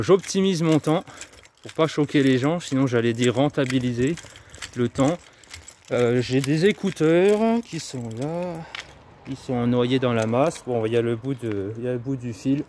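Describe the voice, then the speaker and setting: Out on a walk, a man from France who coaches personal development on YouTube rambles cheerfully to camera about the subject. His mid-range voice has a darkish tone, and he's chatty, self-promoting, and quick to laugh at himself. Keys jangle faintly against street noise.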